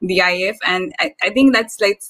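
A woman's voice: medium pitch, normal speed, a bit bright, dry recording. A woman chatting casually as an interviewer, hesitantly feeling her way through her phrasing.

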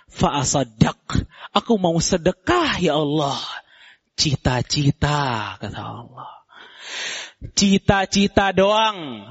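A man preaching a sermon to a congregation, swinging between loud, pleading cries and low, intoned recitation. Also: dull audio.

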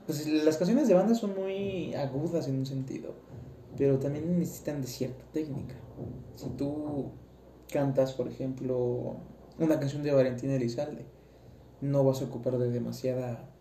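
A man's voice: a little high, fairly even intonation, normal speed, mellow. A young man with a Mexican accent, chatting hesitantly on his own podcast as a singing student, with lots of fillers. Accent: Mexican Spanish. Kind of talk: casual solo podcast talk. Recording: echoey room with faint background noise.

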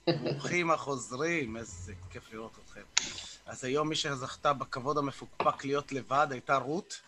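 A man hosting a morning online group session on a video call, talking informally in a coaching style and leading a short guided meditation. He often repeats words and fills pauses with "uh.". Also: medium pitch, crowd noise.

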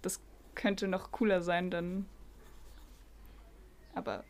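A woman's voice: on the low side, flat delivery, slow. A young woman chatting informally as a podcast co-host leading a quiz. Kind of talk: casual chat.

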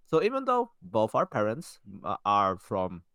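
Clear-voiced, halting young podcast host. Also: male voice, fairly low pitch, huge pitch swings, bright, forceful tone, no room sound, clean studio sound. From Czech Republic. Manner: thoughtful, halting, with frequent restarts. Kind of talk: casual conversation.

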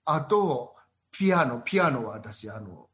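A man chats casually as a podcast co-host. His voice sits at a middling pitch, and he talks in an animated way, drifting into asides. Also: a little slow, slight background noise. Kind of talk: casual chat.

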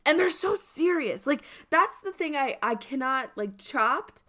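A woman's voice: sits high, animated, unhurried, a bit bright. A young woman co-hosting a casual podcast chat, gushing and emphatic about the shows she loves. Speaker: podcast co-host.

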